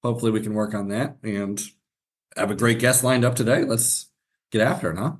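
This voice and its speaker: A low-voiced man from southwestern Pennsylvania hosts a casual chat. He rambles and restarts his questions as he goes along. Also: steady tone, brisk, slightly rough. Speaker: podcast host.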